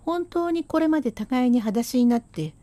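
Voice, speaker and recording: A woman's voice: sits high, lively intonation, normal speed, mellow, no room sound. A woman doing a sarcastic scolding Edo wife. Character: sharp-tongued hardworking Edo wife, scolding and reproachful. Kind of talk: rakugo storytelling.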